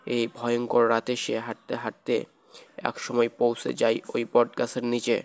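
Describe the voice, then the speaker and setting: Gravelly man narrating a kids' cartoon story. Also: medium pitch, completely flat delivery, moderate pace. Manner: plain, repetitive storytelling.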